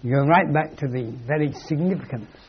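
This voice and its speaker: A man's voice: on the high side, brisk, husky. A man giving a philosophical lecture in a wry, emphatic way, on a dull lo-fi recording. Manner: wry, emphatic, acts out quoted voices.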